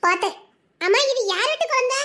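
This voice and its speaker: A woman doing a stubborn shrill young daughter. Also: expressive, fast talker, bright, forceful tone, exaggerated voice. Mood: insistent. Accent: Tirunelveli Tamil. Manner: insistent, protesting. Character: confused, stubborn young daughter, insisting she is right. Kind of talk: Tamil serial drama dialogue.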